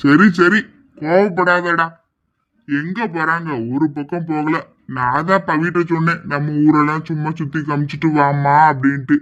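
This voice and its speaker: A cranky old village grandfather, as a man puts him on, waved off from his nap and scolding with gruff impatience. The voice sits fairly high with a bright, forward tone. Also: fairly even intonation, normal speed, highs cut off, close to an everyday voice. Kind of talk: amateur audio drama acting.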